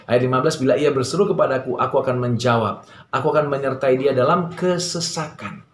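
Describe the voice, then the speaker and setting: A man's voice: medium pitch, brisk. Preaching man in a roomy hall. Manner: conversational preaching with many fillers; animated storytelling. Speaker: pastor. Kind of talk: sermon. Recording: roomy echo, faint ambient noise.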